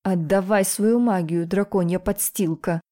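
A woman voicing a sneering male tentacled monster villain, mocking and slow. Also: mid-range voice, fairly even intonation, warm tone, natural voice. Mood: demanding.

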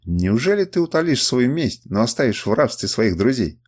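A man's voice: medium pitch, big pitch swings, moderate pace, slightly rough. A man voicing a proud, cunning woman queen in an audiobook, with an emotional delivery in a raised voice. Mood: haughty. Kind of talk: audiobook character reading.

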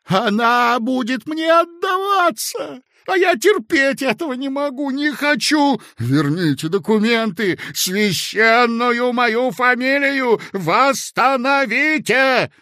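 A man's voice: extremely high pitch, lively intonation, takes it slowly, pushed and bright, dry recording, clean studio sound, voice pushed up, heavily acted. A man voicing a desperate male clerk who wails and pleads in tears. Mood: panicked. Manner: wailing, pleading. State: crying.

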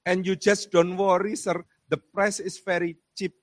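A man's voice: little pitch movement, unhurried, no room sound. A man voicing a confident male pedicab driver who touts rides in broken, Javanese-accented English. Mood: eager. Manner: boastful, eager sales pitch in broken English.

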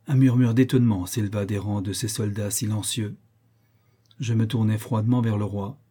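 A man narrating an adventure novel in the first person, steady and storytelling. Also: lowish voice, moderate pace, breathy edge. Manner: steady storytelling with acted dialogue. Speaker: audiobook narrator.

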